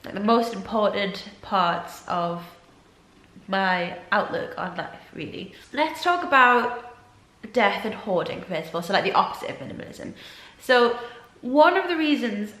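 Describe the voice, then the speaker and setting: A woman's voice: sing-song, measured pace, a bit bright. Nasal, under-the-weather woman. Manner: earnest, reflective, low-energy. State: ill with a blocked nose and sore throat. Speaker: vlogger. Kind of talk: casual vlog talk to camera. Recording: echoey room.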